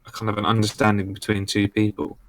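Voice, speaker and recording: A man's voice: fairly low pitch, monotone, fast talker, fairly bright tone. A man speaking as a guest over a voice chat, matter-of-fact, his voice sounding robotic through the digital line. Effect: robotic digital distortion from a voice-chat line. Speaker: stream guest. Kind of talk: casual call-in chat.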